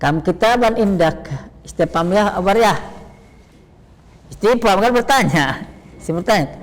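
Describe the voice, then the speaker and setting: Man teaching Arabic grammar, echoing. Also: on the high side. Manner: explains slowly, repeats terms, asks and answers himself. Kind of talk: online Arabic grammar lesson.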